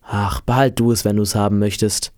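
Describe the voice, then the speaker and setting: A man's voice: fairly low pitch, flat delivery, moderate pace, a little mellow, dry recording, clean studio sound, close to an everyday voice. A man reading a storybook aloud, voicing an exhausted, defeated old fisherman who speaks in a tired, resigned way. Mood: weary.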